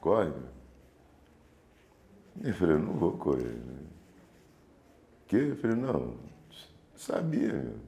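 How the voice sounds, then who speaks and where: A man's voice: a bass voice, very animated, unhurried, long pauses, mellow. A man, telling his memories in an interview and acting out the voices of people in the story. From Brazil. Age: 70s.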